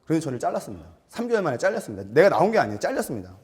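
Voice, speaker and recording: A man giving a storytelling seminar lecture, animated and self-mocking, acting out quotes and putting questions to his audience. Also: on the high side, racing. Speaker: lecturer for martial arts gym instructors.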